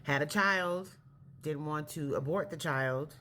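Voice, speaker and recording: A woman in her late forties from California, candidly telling her life story in a casual vlog, pausing and correcting herself as she goes. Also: deep voice, pushed and bright, a little hiss or hum. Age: 40s. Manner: reflective, candid, self-correcting. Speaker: vlogger.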